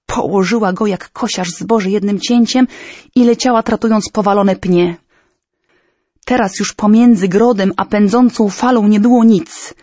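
Slow, solemn woman narrating a story. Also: medium pitch, mellow, breathy edge, no echo. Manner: measured, solemn, dramatic reading.

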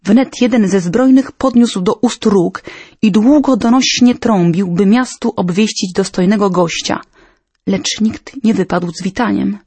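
A woman reading a historical story aloud in a measured, solemn, dramatic manner. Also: mid-range voice, a little mellow, slightly rough, no echo. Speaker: narrator. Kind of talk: storybook narration.

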